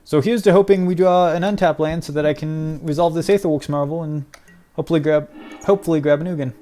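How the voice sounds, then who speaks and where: A young man giving excitable live commentary on his own card game match, muttering one moment and crying out the next. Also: fairly high pitch, quick pace, soft background music. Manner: excitable, swings from mutters to loud cries and laughter. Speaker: gaming video creator.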